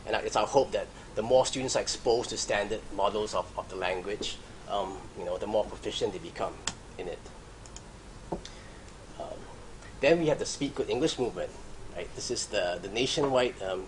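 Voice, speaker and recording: A man with a Singaporean accent giving an academic lecture in a halting way, restarting phrases and often checking in with the audience. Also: fairly low pitch, a little hiss or hum, rough recording. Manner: halting, with repeated starts and frequent check-in "right?".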